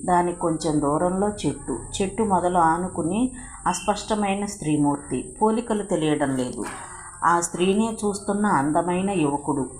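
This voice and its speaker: A woman narrating a novel in a steady, expressive storytelling reading. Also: on the low side. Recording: roomy echo.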